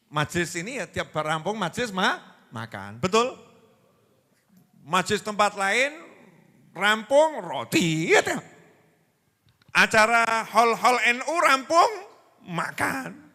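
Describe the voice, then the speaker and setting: A man with a Javanese accent preaching a lively sermon to a gathering, joking and putting questions to the audience. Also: very high-pitched. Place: large religious gathering hall. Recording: long reverb of a large hall.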